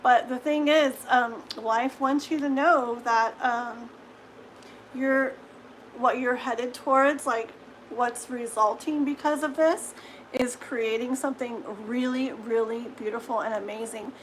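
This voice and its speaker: A woman's voice: fairly high pitch, steady tone, a little slow, a little hiss or hum, poor audio. A woman giving a live-stream tarot reading in a chatty, reassuring way, tagging her sentences with "okay?" and laughing easily. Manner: chatty, reassuring, full of "okay?" tags and giggles. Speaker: tarot reader.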